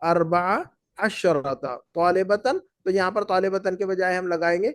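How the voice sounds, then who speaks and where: A man's voice: high-pitched, little pitch movement, smooth, no echo, studio quality. A male Arabic teacher leading a class, patiently repeating words and quizzing his students. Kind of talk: language class, drilling students. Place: class run from Bahrain.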